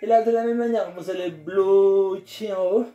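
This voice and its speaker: A man's voice: sits high, fairly even intonation, normal speed, dark tone, muffled recording. A man coaching a home workout, counting down reps and urging the listener on. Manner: encouraging, counts down reps, coaxing. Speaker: fitness coach. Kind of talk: guided home workout instruction. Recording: roomy with faint music.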